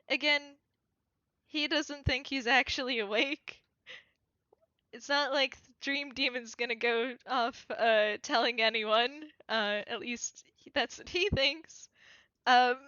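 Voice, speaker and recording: A woman's voice: fairly high pitch, bright, forceful tone, no room sound, muffled recording. A woman narrating her character in a tabletop game in a rambling, casual way. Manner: rambling, lots of fillers, laughs often. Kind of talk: casual role-play narration.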